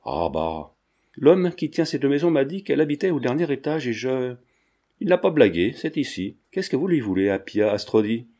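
Cheeky loud male painter, read by a man, slangy teasing banter, lively swings in pitch. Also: moderate pace.

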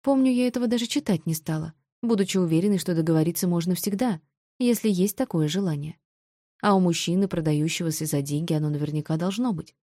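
A woman reading a first-person novel aloud, wry and sharp-tongued. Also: on the low side, quick pace, no echo, studio quality. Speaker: audiobook narrator.

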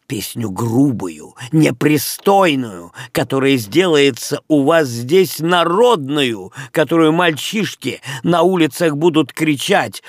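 A man's voice: a little high, no room sound, clean studio sound, pitched above the performer's own voice. A man voicing a theatrical wandering singer who declaims grandly and stresses each syllable.

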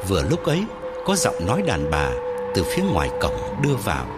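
A man narrating a ghost story in a dramatic, measured way. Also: lowish voice, huge pitch swings. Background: music.

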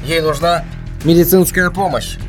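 A man reading an audiobook, voicing a weary masked male agent who speaks calmly through a metallic helmet voice changer. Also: on the high side, moderate pace, soft background music, voice pushed up. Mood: urgent. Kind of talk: audiobook character voice.

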